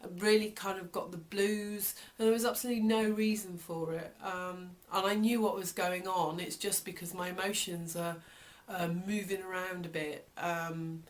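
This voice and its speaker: A woman's voice: fairly low pitch, fairly even intonation, normal speed, hardly any pauses. A British woman talking casually in a personal video diary, reflective and hesitant, often trailing off mid-thought. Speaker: vlogger.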